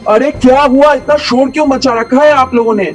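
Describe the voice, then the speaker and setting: A man playing a meek young husband who tries to calm his mother and his wife. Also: very high-pitched, normal speed, soft background music. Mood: placating. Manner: placating, weak-willed. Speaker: son and husband. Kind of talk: family skit acting.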